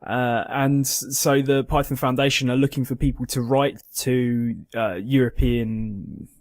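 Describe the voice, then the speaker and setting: A man's voice: medium pitch, fairly even intonation, unhurried, dry recording, studio quality. A man co-hosting a podcast, chatting easily and laughing often. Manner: laughs often, easygoing banter. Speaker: podcast co-host. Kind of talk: casual chat.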